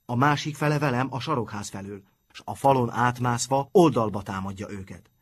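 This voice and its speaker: A man voicing a decisive schoolboy class leader laying out a plan, brisk and commanding. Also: mid-range voice, husky, close to an everyday voice.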